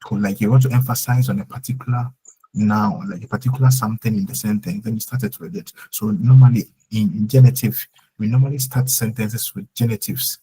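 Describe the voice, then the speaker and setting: A man leads a live online German lesson in a loose, casual way. His voice sits a little low and sounds very breathy and husky. He circles back often, restarting sentences with fillers as he explains. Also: steady tone, a little fast, dark tone, poor audio. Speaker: German teacher.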